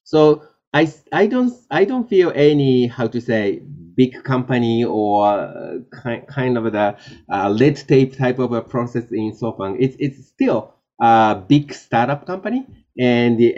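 A man from Japan, a Japanese native speaker, answering interview questions in halting English with many fillers and restarts. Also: mid-range voice, lively intonation, darkish tone. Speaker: guest, tech executive. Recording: dull lo-fi sound.

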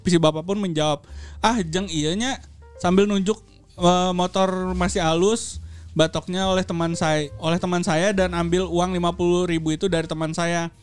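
A man's voice: high-pitched, steady tone, moderate pace, clean tone, faint music behind. A young man with a Sundanese accent, casually reading a listener's story on a podcast, laughing and mixing in local dialect.

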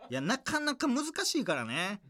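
A man's voice: sits high, huge pitch swings, moderate pace, sharp tone. A man with a Kansai accent, a comedian hosting a podcast, telling stories in a playful, jokey way and laughing often. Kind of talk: casual podcast chat.

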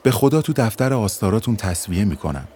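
A man's voice: fairly low pitch, sing-song, warm tone, husky. A man voicing a troubled young man who argues insistently and defensively.

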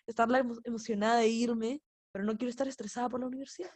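A woman's voice: fairly high pitch, steady tone, rapid-fire, a little mellow, no room sound. A young woman co-hosting a casual podcast chat, rambling along with lots of filler words. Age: young adult. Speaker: podcast co-host.

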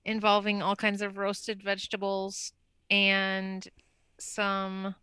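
A woman co-hosting a podcast in casual, animated chat, laughing often with her co-host. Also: medium pitch, slow, smooth, dry recording. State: just back from a hard workout class.

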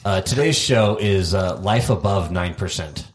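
A man's voice: low-pitched, a little slow, slight background noise. A man co-hosting a casual podcast, introducing the episode's picks. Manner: animated, presents the episode's picks. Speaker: podcast co-host. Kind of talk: casual chat. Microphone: lavalier.

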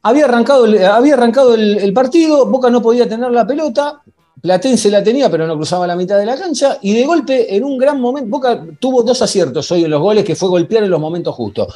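High-voiced Argentine man hosting sports podcast. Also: animated, quick pace, mellow. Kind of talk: conversational football recap. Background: faint music.

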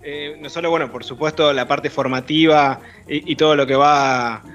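A man's voice: fairly high pitch, steady tone, normal speed, fairly bright tone, muffled recording, faint music behind. A man interviewing an author, reflective and searching for his words as he asks questions.

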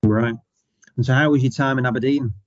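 Mid-pitched man hosting an interview. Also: fairly even intonation, brisk, no room sound, highs cut off. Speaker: podcast host. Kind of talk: casual interview.

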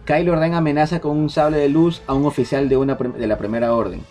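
A man, hosting a casual podcast chat, relaying leaked details in a quick, restarting way. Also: a little high, steady tone, a little mellow, soft background music. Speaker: podcast host. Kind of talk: casual group chat about film rumors.

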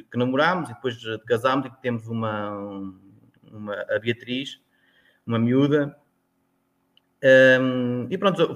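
A man in his forties with a European Portuguese accent tells his story as a guest in a casual chat, rambling and restarting often. His voice is mid-range with a fairly bright tone.

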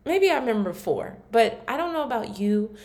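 A Maryland woman hosts her own casual solo podcast, talking candidly and reflectively with lots of "like" fillers and restarts. Her voice sits on the high side, a little mellow, very animated at a moderate pace.

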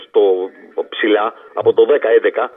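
A man with a husky voice calling in to a radio show, rambling through a loosely strung story. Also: fairly low pitch, flat delivery. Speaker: caller. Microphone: telephone. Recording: tinny phone line.

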